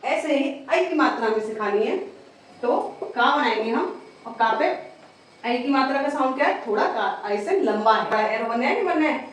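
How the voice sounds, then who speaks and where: High-voiced woman teaching in an echoey room. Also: lively intonation, normal speed, slight background noise. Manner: patient, repeats each sound several times. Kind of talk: lesson on Hindi vowel signs for parents. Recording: very echoey room, voice far from the mic.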